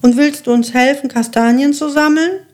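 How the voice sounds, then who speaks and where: A woman's voice: high-pitched, normal speed, a little mellow, voice pushed up, lightly acted. A woman voicing a friendly father in a children's storybook reading, asking light teasing questions. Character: friendly father on a forest walk.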